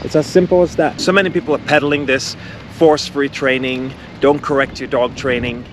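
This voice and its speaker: Out on a street with background noise, a man gives dog-training instruction while walking a dog, talking straight to the viewer without softening anything. He speaks briskly at medium pitch with fairly even intonation.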